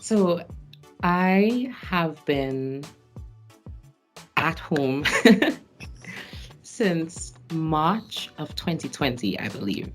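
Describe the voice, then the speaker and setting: A Trinidadian stage actor and singer in his late twenties reflects on his experiences in a casual interview, laughing often between phrases. His voice is fairly high with big pitch swings, and he talks extremely slowly with long pauses while faint music plays behind him.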